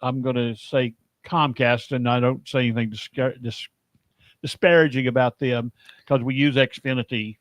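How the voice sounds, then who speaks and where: A man hosting a casual sports talk show, talking in a meandering, halting way and often restarting his sentences. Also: medium pitch, steady tone, dry recording. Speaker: host.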